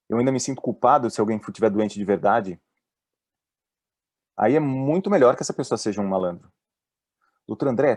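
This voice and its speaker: A man with a Brazilian accent, a doctor giving a talk on mental health at work, telling lively stories and voicing the people in them. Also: fairly low pitch, slightly rough, dry recording, clean studio sound. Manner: lively storyteller, voices the people in his stories. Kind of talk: presentation with acted-out anecdotes.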